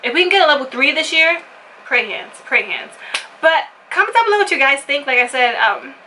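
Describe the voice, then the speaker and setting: A high, bright woman's voice, chatty and excitable, shouting cheers at a dance clip. She rambles to her viewers, repeating and restarting her phrases. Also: brisk, a little hiss or hum, low-quality recording. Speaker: dance reaction vlogger. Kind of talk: casual reaction video chat.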